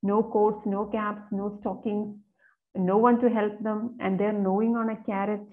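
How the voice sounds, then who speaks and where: A woman exam coach, reading each question slowly and then explaining it quickly. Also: mid-range voice, flat delivery. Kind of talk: explaining exam questions, mixing Malayalam and English. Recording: phone-like narrow sound.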